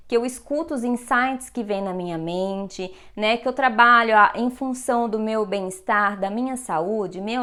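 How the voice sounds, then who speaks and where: A woman's voice: a little high, a bit bright, clean tone. A woman giving an earnest personal testimonial, often adding "né" and "meu". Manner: earnest, uses fillers like "né" and "meu". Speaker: testimonial speaker.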